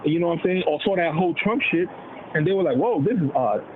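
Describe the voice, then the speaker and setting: Speaking quickly in a fairly high, animated voice, this man of Dominican heritage chats about politics in slang and mimics the people he quotes. It's recorded over a tinny, noisy phone-style connection.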